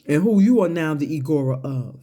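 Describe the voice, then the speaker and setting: Warm-toned and animated, a mid-range voice delivers a cursing, combative online rant slightly fast, emphasizing words by drawing them out one at a time. The speaker breaks between phrases to sip a drink, cough and clear their throat.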